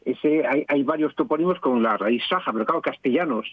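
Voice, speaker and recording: A man, an expert guest on a radio phone-in, explaining word origins slowly and thinking aloud. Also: mid-range voice, no room sound. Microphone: telephone. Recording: tinny phone line.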